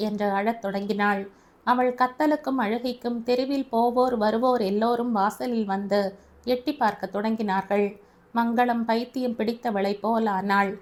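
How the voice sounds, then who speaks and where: A woman narrating a family audio novel in a steady storytelling manner. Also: fairly high pitch, moderate pace.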